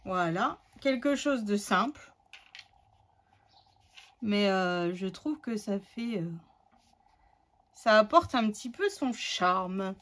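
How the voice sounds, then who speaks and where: A woman's voice: mid-range voice, lively intonation, takes it slowly, pauses often, fairly bright tone. A woman hosting a scrapbooking tutorial, chatting casually and thinking aloud as she works, with many fillers.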